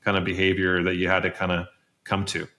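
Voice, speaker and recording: A male podcast host with a fairly low voice and a sharp, bright tone. He asks long, winding questions full of restarts and slips into jokey riffs. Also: completely flat delivery, quick pace. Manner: playful and joking, rambling questions with restarts. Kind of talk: casual conversational interview.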